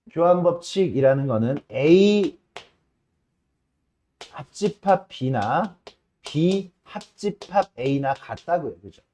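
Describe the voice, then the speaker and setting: Male math teacher, mellow and slightly high, chatty classroom lecture that slows for key terms. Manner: casual, asks students frequent checking questions.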